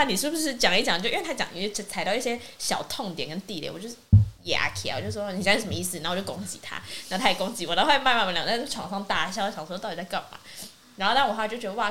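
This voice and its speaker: Woman co-host, quick animated storyteller, faint hiss. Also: medium pitch. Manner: lively storytelling, acts out quoted friends. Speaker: podcast co-host. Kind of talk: casual chat.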